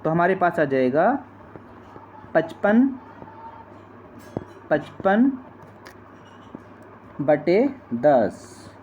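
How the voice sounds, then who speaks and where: A man's voice: on the high side, very animated, extremely slow, pauses often, a little mellow. A man teaching a slide-based maths lesson, patient and repetitive, often addressing viewers as friends. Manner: patient, repeats steps and keeps addressing friends. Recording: dull lo-fi sound with faint noise.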